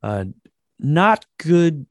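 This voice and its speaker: A man's voice: on the high side, sing-song, drawn-out words, no echo, studio quality. A man co-hosting a casual chat, reading a post aloud with crude jokes and frequent laughs. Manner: crude joking, laughing often. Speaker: podcast co-host.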